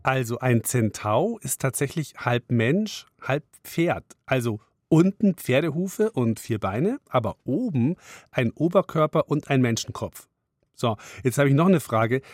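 A man hosting a children's audio show, calmly explaining and asking the kids questions. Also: mid-range voice, measured pace, no room sound, clean studio sound. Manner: calm, asks the kids questions.

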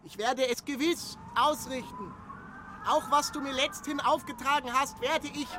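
An actor playing Barnabas, a humble, dutiful young village messenger in a radio drama. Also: male voice, extremely high pitch, steady tone, unhurried, background noise.

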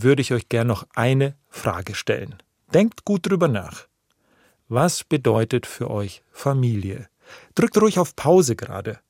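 A man narrates his podcast from a studio, and the sound is close and dry. He talks directly to the listeners in a relaxed, chatty tone. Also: mid-range voice, dry recording. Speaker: podcast host. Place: recording studio.

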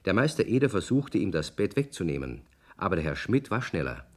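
A man narrating a children's radio play in a storyteller's manner. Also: low voice.

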